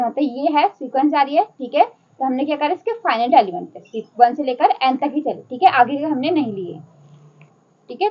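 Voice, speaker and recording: A woman's voice: sits high, lo-fi sound. A woman with a Hindi accent teaching a math lecture step by step, asking and answering her own questions.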